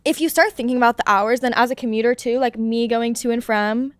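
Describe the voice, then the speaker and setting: A young woman with a slightly high voice talks fairly quickly and with fairly even intonation, recorded without echo. As a podcast guest she chats casually, using "like" constantly and laughing frequently.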